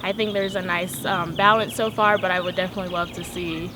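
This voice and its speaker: A young woman from Tucson, Arizona, a university graduate giving thoughtful, measured documentary interview answers. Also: fairly low pitch, fairly even intonation. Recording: noticeable background noise.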